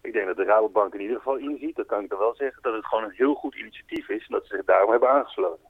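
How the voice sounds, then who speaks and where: Man on a phone line, mid-pitched, earnest spokesperson explaining his project patiently; tinny, dry call audio. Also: rapid-fire, husky, no echo. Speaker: spokesperson for a foundation, interviewee. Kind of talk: radio phone interview. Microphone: telephone.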